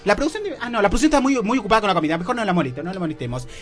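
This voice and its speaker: A man's voice: high-pitched, animated. A man hosting a radio comedy show in a small studio, flirty and flamboyant, with a Rioplatense accent. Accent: Rioplatense Spanish. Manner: flamboyant, flirty, rapid-fire. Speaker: radio host. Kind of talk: camp comedic radio banter. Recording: radio studio with faint music bed.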